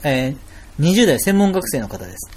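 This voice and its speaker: A young man co-hosting a casual late-night radio chat from a small apartment, fast and laughing through lively banter. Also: on the high side. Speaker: podcast co-host. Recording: music playing under the voices.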